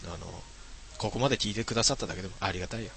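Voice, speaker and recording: A man's voice: fairly low pitch, racing, creaky, fairly bright tone, slight background noise. A middle-aged man streaming late at night, reading viewer comments aloud in a casual, mumbling way with many fillers.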